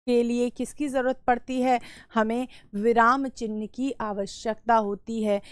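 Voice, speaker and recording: A young adult woman teaching a lesson, slowly repeating key words and putting questions to her students. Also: high voice, sharp tone, smooth, no room sound, clean studio sound. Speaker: Hindi teacher. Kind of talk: exam-prep lesson.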